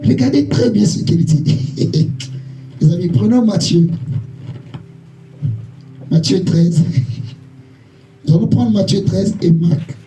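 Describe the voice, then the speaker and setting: An evangelist preaches in a high-sitting, dark-toned voice with lively intonation, moving slowly and leaving long pauses. He repeats his points and checks in with the congregation through questions. The church hall is echoey, with faint music and slight background noise.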